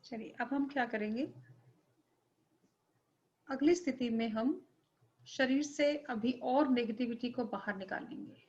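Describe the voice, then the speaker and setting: Calm high-voiced woman guiding meditation. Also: measured pace, pauses often. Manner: calm, gentle, instructive. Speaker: meditation teacher. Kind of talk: guided meditation instruction. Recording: muffled lo-fi recording.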